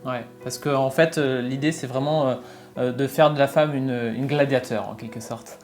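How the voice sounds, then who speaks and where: A man in his thirties from northern France, a fashion brand co-founder, speaking in a casual promotional interview and often pausing with fillers and restarts. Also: mid-range voice, steady tone, faint music behind. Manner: hesitant, many fillers and restarts.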